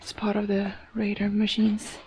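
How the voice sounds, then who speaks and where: A woman exploring an abandoned radar dome and a rooftop, talking casually and often in a hushed half-whisper, recorded on a body-worn action camera. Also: medium pitch, completely flat delivery, moderate pace, slight background noise. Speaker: urban explorer vlogger. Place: inside a metal radar dome, then a rooftop.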